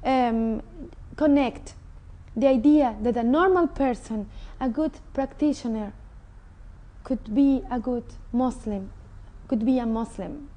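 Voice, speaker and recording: Speaking slowly on a TV studio set, a middle-aged woman appears as an interview guest offering personal testimony. She has a Mexican Spanish accent and a high but mellow voice, and she talks with earnest feeling, picked up close by a clip-on lapel mic.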